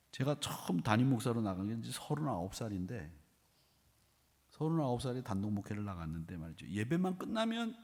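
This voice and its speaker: A middle-aged male pastor preaching a sermon with storytelling, animated, swinging between quiet asides and loud outbursts, with a husky voice. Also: a little high. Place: church sanctuary. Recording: sanctuary with long reverb.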